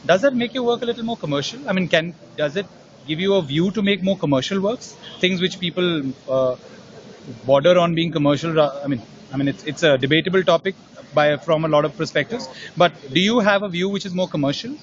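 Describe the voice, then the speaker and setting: A man's voice: fairly high pitch, brisk, muffled recording, slight background noise. A man interviewing an artist, asking probing questions and rephrasing them as he goes. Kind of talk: conversational interview.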